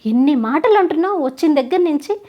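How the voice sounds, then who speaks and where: A woman's voice: high voice, lively intonation, quick pace, dull audio. A woman voicing a proud young wife who answers back firmly in a told story. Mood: indignant. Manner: indignant, firm and reproachful. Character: hurt, proud young wife standing her ground. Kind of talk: storytelling with acted dialogue.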